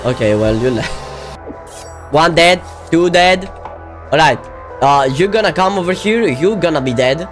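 A young man giving casual, excitable let's-play commentary, often yelling at the game. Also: a little high, unhurried, pauses often, over music. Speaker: gaming video creator.

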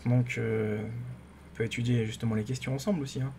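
Rambling excitable gaming commentator. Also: male voice, medium pitch, fairly quick, gravelly, a little hiss or hum. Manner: rambling, excitable, many fillers and restarts. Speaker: gaming YouTuber. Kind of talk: casual gameplay commentary.

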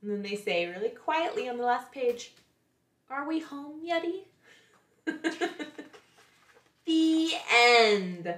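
A woman's voice: on the high side, reverberant. A woman, a children's librarian, reading picture books aloud to young kids in a playful way, often asking them questions.

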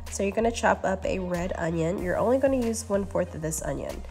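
Female cooking host, relaxed instructive voice-over, medium pitch, faint music bed. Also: fast talker, gravelly. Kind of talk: recipe voice-over. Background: faint background music.

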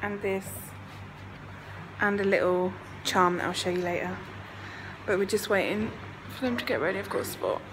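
A woman's voice: medium pitch, normal speed, background noise. Chatty young woman vlogging. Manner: chatty, often breathless and half-whispered asides. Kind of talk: casual travel vlog.

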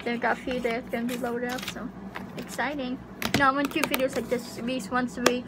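A young woman with a fairly high voice, level tone and quick pace chats casually on her YouTube vlog. She rambles without much confidence and uses plenty of fillers. It's a home recording made close on a webcam in a small pink bedroom, with the AC humming audibly.

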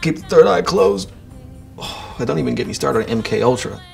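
An actor playing a laid-back new-age boyfriend from Florida who rambles about aliens and the senses. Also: male voice, medium pitch, sing-song, normal speed, creaky, a little mellow, soft background music. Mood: earnest.

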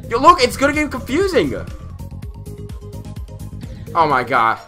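Male let's-player cooped up in a closet; frustrated, jumpy, bright tone with faint game music under him. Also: very high-pitched, a little slow. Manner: excitable, frustrated, talks to viewers. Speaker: gamer. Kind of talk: let's-play commentary. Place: inside a closet at night.

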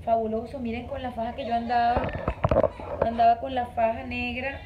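A woman with a high voice talks casually and dramatically to her phone at home, tossing out exclamations. The recording is dull and muffled. A clear hiss of noise runs under her voice. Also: level tone, normal speed. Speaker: vlogger. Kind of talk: casual vlog chat.

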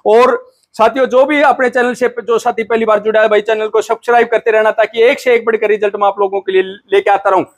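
High voiced indian guy doing a farm interview, chatty, calls everyone brother. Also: fairly even intonation, fast talker. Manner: folksy, addresses viewers as brothers. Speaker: host of a buffalo farming channel.

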